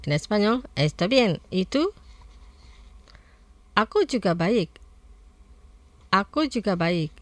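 A woman presenting a scripted radio language lesson, saying each word twice slowly and carefully. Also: medium pitch, big pitch swings, no room sound. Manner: slow, careful repetition of words.

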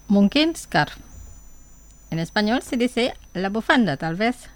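Slow, careful woman radio teacher. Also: fairly high pitch. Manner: slow, careful, repeats each word twice. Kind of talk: scripted educational radio.

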